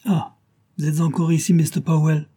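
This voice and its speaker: A man's voice: mid-range voice, moderate pace, dark tone, breathy edge, close to an everyday voice. A man voicing a scheming clubman villain who talks in an urgent, pushy way. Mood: eager.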